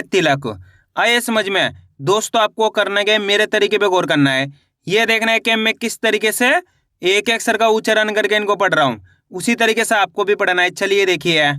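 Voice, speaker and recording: A man's voice: high voice, pushed and bright, dry recording, clean studio sound. A man teaching children to read, sounding out words syllable by syllable and then asking and answering his own questions. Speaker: Hindi reading teacher.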